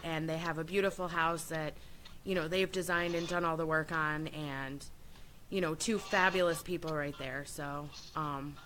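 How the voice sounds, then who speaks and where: A woman hosting a radio show, chatting casually and admiringly in a loose, unscripted way as she gives shout-outs. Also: on the low side, slight background noise.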